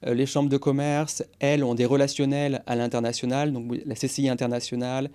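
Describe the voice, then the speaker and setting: A man's voice: medium pitch, level tone, a little fast, warm tone, clean tone. A man in his forties, a guest on a podcast interview, explaining go-to-market strategy with energy and English business jargon.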